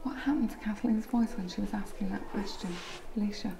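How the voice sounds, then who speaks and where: A woman's voice: mid-range voice, a little fast, vocal fry, background noise. A woman with an English accent teaching a primary school class, encouraging and asking her pupils simple guiding questions. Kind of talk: classroom teaching to young children.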